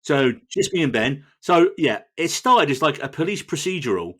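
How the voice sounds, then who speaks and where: A man hosting a casual podcast chat, quick and chatty, swearing freely. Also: on the high side, sing-song, fairly bright tone. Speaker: podcast host.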